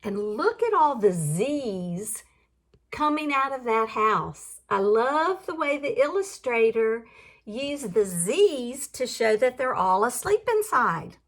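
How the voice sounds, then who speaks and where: A teacher-like woman, her voice on the high side, reads aloud from a picture book. She uses an expressive, sing-song delivery and stops now and then to ask the young listeners questions and clarify words.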